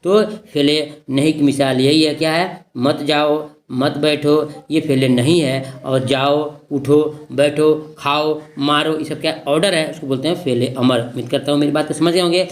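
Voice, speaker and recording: A man's voice: fairly high pitch, fairly even intonation, unhurried, few pauses. A man with a Bihari Hindi accent teaching an exam-prep grammar lesson, repeating points and quizzing his students with questions.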